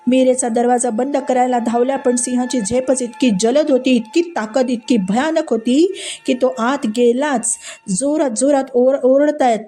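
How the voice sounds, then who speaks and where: Mellow-voiced woman telling a devotional story. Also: on the high side, moderate pace. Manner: animated, repeats phrases for emphasis. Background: faint music.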